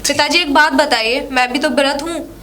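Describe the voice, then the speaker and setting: A woman's voice: high-pitched, steady tone, moderate pace, pushed and bright. A woman playing an aggrieved young daughter-in-law complaining to her father-in-law in a village comedy skit. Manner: complaining, pleading.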